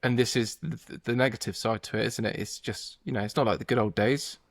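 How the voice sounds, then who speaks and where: A man's voice: mid-range voice, fairly even intonation, brisk, no room sound, studio quality. A man with a British accent, co-hosting a podcast, chatting casually and self-deprecatingly, laughing often. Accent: British English. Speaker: podcast co-host, wedding photographer.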